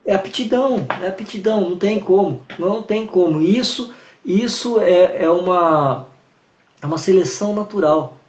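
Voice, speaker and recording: High-voiced man, animated storyteller. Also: moderate pace. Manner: animated, storytelling with acted-out greetings. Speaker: horse trainer and guest. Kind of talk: live-stream conversation. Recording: roomy, dull video-call sound.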